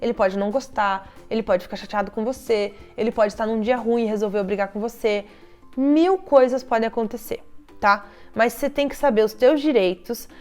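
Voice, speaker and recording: A young adult woman, a child psychologist, talking casually to fellow therapists and telling stories about difficult families, quoting parents' lines as she goes. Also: mid-range voice. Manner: chatty storytelling, acting out parents' quoted lines.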